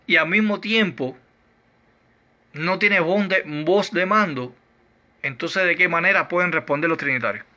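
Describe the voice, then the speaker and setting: Man, Bible teacher, rhetorical questions, slow emphatic delivery, slightly high voice. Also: pushed and bright, muffled recording. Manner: argues through numbered rhetorical questions. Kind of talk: doctrinal Bible lesson.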